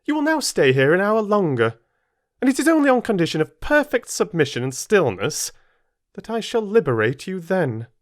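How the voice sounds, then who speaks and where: A stern aristocratic lady, put on by a male reader, hands down orders in a clipped, peremptory tone, raised well above his usual pitch. The recording is dry and close. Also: sing-song, moderate pace, no room sound. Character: stern, cold aristocratic aunt.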